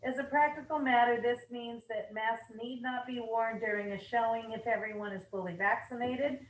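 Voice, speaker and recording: Woman presenter, upbeat and chatty, a bit hoarse, higher voice, roomy distant mic. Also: fairly even intonation, moderate pace, muffled recording, a little hiss or hum. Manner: upbeat, reads rules aloud with asides and fillers. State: losing her voice. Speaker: managing broker leading an office meeting. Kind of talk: office meeting presentation.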